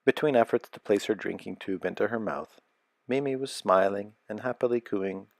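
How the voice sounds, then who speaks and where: Reading aloud from a scripted children's tale, a male storybook narrator uses a deep voice with a touch of gravel, pacing himself carefully while staying expressive. The recording is dry and close-miked, with almost no room sound.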